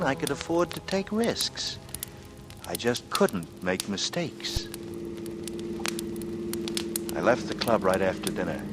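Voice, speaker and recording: In a 1940s radio noir drama, a male lead actor with a lowish voice narrates in first person as a brooding, calculating American writer with smooth charm. His delivery is measured, intense, tense and calculating, with dramatic music running underneath the vintage recording.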